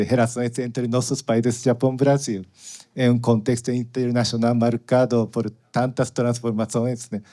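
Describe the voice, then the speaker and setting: Japanese-accented man, mellow, formal speech. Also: mid-range voice. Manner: formal, halting, frequent "né" tags. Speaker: consul, guest speaker. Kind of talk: formal speech read from notes.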